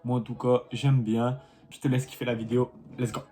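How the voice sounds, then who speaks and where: Music plays behind a young man, a vlogger and player, who chats casually and fairly quickly in a mid-range voice. Relaxed, he talks straight to his viewers in this vlog.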